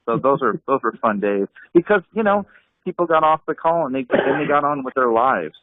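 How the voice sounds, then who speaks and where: A man's voice: mid-range voice, expressive, brisk, dry recording. A man casually reminiscing on a group call, rambling with many fillers and restarts and laughing often. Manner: laughs often while telling stories. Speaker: anti-scam blogger on a group call. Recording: dry tinny call audio.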